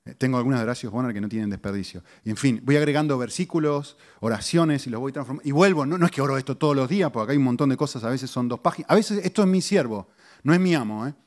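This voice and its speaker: A middle-aged man, a pastor giving a conversational sermon to his congregation with lively rises in pitch and asides to the listeners. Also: very fast. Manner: conversational teaching, animated pitch swings, audience asides.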